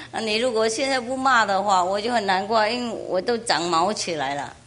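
A woman's voice: medium pitch, moderate pace, a bit bright, natural voice. A woman telling a story voices a remorseful male thief who pleads and apologizes. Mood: pleading.

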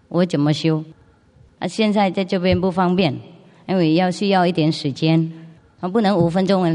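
A woman's voice: fairly low pitch, a little mellow. Foreign woman speaking Mandarin in a reverberant hall. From outside China. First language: not Mandarin. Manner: foreigner speaking simple Mandarin, with frequent rhetorical questions. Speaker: spiritual master answering questions. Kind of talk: informal spiritual question-and-answer talk. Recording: long reverb of a large hall.

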